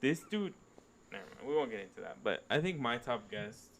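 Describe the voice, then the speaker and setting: A man's voice: medium pitch, sing-song, fairly quick, fairly bright tone. A nineteen-year-old man co-hosting a casual podcast, chatty and hedging a lot with "like" and "right?". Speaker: podcast co-host. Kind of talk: casual chat.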